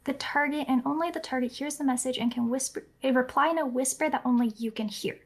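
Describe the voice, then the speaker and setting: A woman's voice: sits high, steady tone, quick pace. A woman talking casually as a player at a tabletop game.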